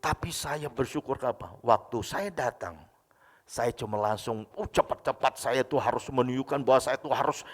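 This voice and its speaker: A male pastor giving a sermon, telling a story and acting out the dialogue, with sudden loud bursts. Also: mid-range voice, lively intonation, moderate pace, big-room sound. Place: church.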